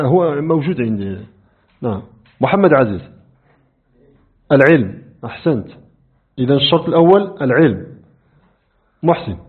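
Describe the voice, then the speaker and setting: A man's voice: medium pitch, husky. A man teaching a classroom lesson on religious creed, who often quizzes his students by name and repeats key points for emphasis. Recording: thin phone-like lo-fi recording.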